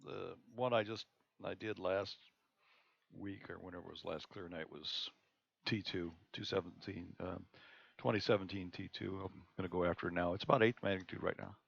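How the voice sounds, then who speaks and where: A man hosting a live observatory stream, chatting casually and haltingly with fillers and restarts. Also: deep voice, fairly even intonation, vocal fry, breathy edge. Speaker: observatory host. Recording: dull lo-fi stream audio.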